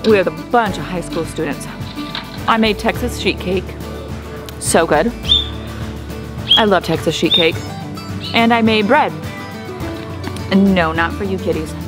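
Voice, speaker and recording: Chatty homestead lady vlogging her cooking, medium pitch, music playing under her. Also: a little slow, pauses often. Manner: chatty and enthusiastic, talking to viewers. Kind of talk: casual cooking vlog chat. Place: outdoors by a cooking fire and in a home kitchen.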